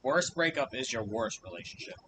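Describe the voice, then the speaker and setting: A man co-hosting a podcast, chatting casually and cutting in with teasing jokes. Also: brisk. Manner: joking, teasing interjections. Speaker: podcast co-host. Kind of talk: casual chat. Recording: rumbling background noise.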